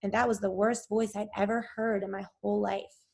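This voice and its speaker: A woman's voice: mid-range voice, level tone, a little fast, vocal fry, a little mellow, lightly acted. Woman voicing an earnest worried boy. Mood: troubled. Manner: breathless, murmuring.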